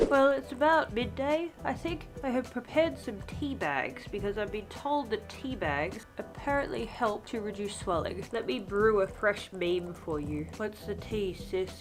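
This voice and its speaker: A young woman with a congested, packed-nose sound chatting casually to her vlog, telling stories in an animated, candid way. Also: a little high. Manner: animated, candid storytelling with acted-out quotes. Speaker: vlogger.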